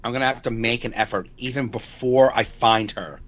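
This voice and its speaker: A man's voice: medium pitch, steady tone, a little fast, a bit bright, muffled recording. A man in his forties, a comedian co-hosting a podcast, rambling in casual chat over a video call, repeating himself and swearing freely. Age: 40s.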